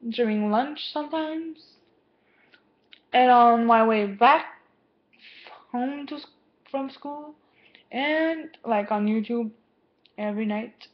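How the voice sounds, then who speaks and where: A teenage girl rambles to her camera at home, drifting off topic and filling her talk with "like". Her voice sits a little high. The sound is dull and lo-fi, like a cheap webcam mic. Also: slow, long pauses. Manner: rambling, easily distracted, lots of "like". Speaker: vlogger. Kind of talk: casual chat to camera. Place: home, indoors.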